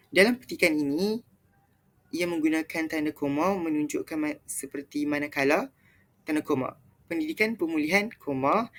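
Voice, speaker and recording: A man's voice: on the high side, a bit bright. A young man with a Malaysian Malay accent gives a student presentation on linguistics, reading steadily from his notes with small restarts.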